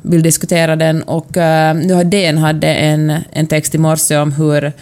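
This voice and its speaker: A woman's voice: sits low, monotone, a little mellow. A woman from Finland with a Finland-Swedish accent, co-hosting a podcast and discussing things in a casual, conversational way. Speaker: podcast co-host.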